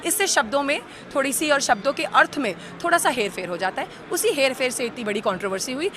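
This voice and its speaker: A woman representing a university, explaining herself to reporters in a measured way, mixing in English terms. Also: high voice, lively intonation, a crowd in the background. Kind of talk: press statement to reporters.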